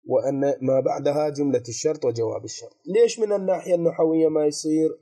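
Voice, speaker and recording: An Iraqi man giving a seminary lesson on religious law, his voice husky and deeply mellow. He explains patiently, tossing out rhetorical questions and repeating key phrases. When he reads from the text, he slows right down. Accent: Iraqi Arabic. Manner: reads quoted text slowly and deliberately.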